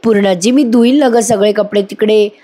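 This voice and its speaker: A woman's voice: mid-range voice, steady tone, normal speed, warm tone, natural voice. A woman voicing a scheming young wife in a TV serial recap, whining and protesting in a raised voice.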